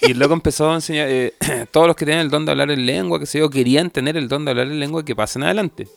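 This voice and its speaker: A man's voice: a little high, very fast, gravelly, dry recording. A man, co-hosting a podcast, telling jokey stories in casual chat. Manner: storytelling, joking, imitates others. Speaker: podcast co-host.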